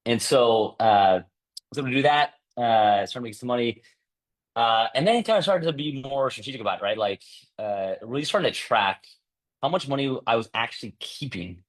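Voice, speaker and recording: A man in his thirties presenting a workshop in a casual, chatty way, often tagging "right?" and acting out past conversations. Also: fairly quick. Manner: acts out past dialogue with lively jumps in pitch.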